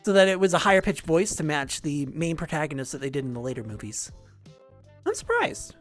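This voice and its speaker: A woman's voice: low-pitched, big pitch swings, a little fast, faint music behind. Woman streamer just chatting, lots of laughing, voice jumps around a lot. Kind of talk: casual chat.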